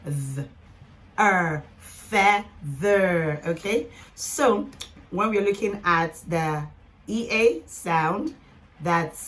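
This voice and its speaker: Woman phonics teacher, slow and patient, low voice, sounds out each word for learners. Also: a bit bright. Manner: patient, sounds out words slowly, addresses learners directly. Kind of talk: teaching lesson to camera.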